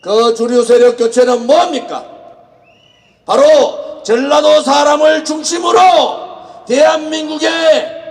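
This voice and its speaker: Roaring man at a political rally, very high-pitched. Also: gravelly. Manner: shouted, emphatic, slow deliberate phrases. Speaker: political rally speaker, party leader. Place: political rally with public-address microphone.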